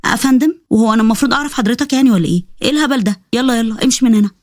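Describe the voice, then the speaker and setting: A woman voicing a sharp-tongued, feisty young woman with an Egyptian accent, firing off bossy, snappy retorts. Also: on the high side, very fast, dry recording, clean studio sound, close to an everyday voice.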